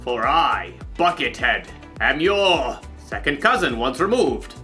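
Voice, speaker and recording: Casting: man as a pompous masked kids' show villain, slow theatrical menace, bright forceful tone, faint music behind. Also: medium pitch, sing-song, heavily acted. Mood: grandiose menace. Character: masked villain Buckethead, grandiose, mock-menacing, dishonest. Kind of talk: children's show pretend play.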